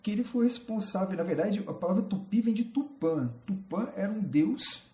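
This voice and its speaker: A man with a Brazilian Portuguese accent teaching a casual history lesson, chatty and full of rhetorical questions, pausing to admire his slides. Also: high voice, expressive, mellow. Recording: roomy echo.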